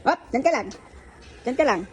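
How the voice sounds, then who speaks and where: A woman's voice: high-pitched, expressive, normal speed, soft background music. A woman filming a casual family vlog, talking to her toddler in coaxing baby talk, calling out and cooing.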